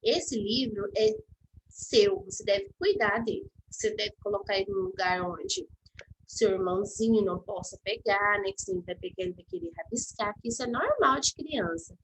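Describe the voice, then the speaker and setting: A woman's voice: medium pitch, moderate pace, fairly bright tone, a little hiss or hum, poor audio. Patient Brazilian woman teaching kids. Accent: Brazilian Portuguese. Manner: patient, explaining step by step to children. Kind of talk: online class lesson.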